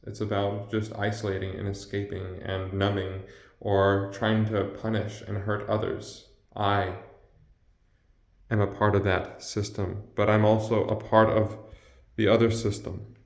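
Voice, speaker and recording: A person speaking slowly and earnestly through a deep pitch-shift effect, reflecting aloud to a camera. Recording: echoey, slightly dull audio.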